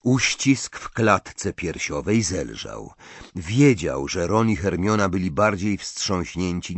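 A man's voice: low voice, breathy edge, dry recording. A man reading an audiobook expressively, giving each figure its own voice. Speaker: audiobook reader. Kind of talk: audiobook narration.

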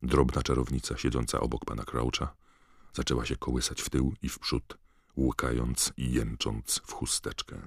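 A man narrating an audiobook with measured, even storytelling. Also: extremely low pitch, husky, dry recording, studio quality. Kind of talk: scripted narration.

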